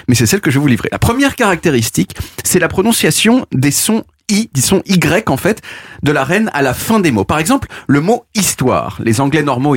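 A man's voice: on the high side, husky, no room sound. A man delivering a playful, mock-boastful explanatory radio chronicle in a studio. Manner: animated, mock-boastful, demonstrative. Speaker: radio columnist.

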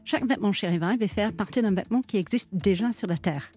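A woman in her fifties with an English accent, giving an earnest business pitch in French. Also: quick pace, warm tone, faint music behind. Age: 50s. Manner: earnest, fluent with slight hesitations. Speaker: entrepreneur pitching.

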